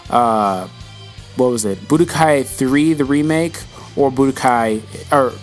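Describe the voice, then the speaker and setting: This young vlogger is losing his voice as he fields viewer questions, speaking slowly in a mid-range voice while soft music plays underneath. His delivery is loose and rambling, full of slang and the odd "bro" aimed at his audience.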